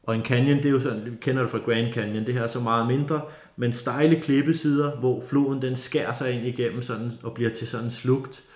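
A man telling a lively, casual story with many fillers and restarts. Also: mid-range voice. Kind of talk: casual spoken anecdote. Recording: roomy echo.

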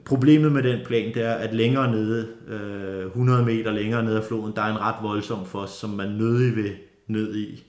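A man telling a lively, casual story with many fillers and restarts. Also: lowish voice, few pauses. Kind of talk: casual spoken anecdote. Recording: roomy echo.

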